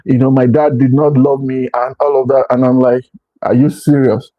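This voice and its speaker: A man's voice: medium pitch, little pitch movement, normal speed. A middle-aged man giving an earnest, preachy motivational talk, often repeating and restarting his phrases. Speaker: motivational speaker. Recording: dull lo-fi recording.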